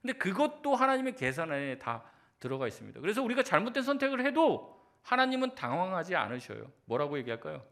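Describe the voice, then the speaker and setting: A man's voice: sits high, very animated, fast talker, creaky, a bit bright. A male pastor giving a sermon in a conversational way, asking rhetorical questions and acting out quoted voices.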